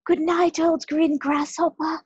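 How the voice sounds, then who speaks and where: A man's voice: very high-pitched, level tone, a little slow, dry recording, muffled recording, voice pushed up. A man voicing a polite young boy in a storybook reading. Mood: sleepy.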